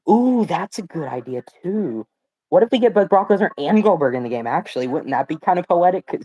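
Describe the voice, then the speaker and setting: This young streamer hosting a live watch party has a medium-pitched voice, hoarse and cracking because of a sore throat. He chatters excitedly with lots of slang and exclamations, recorded on a phone with the highs cut off.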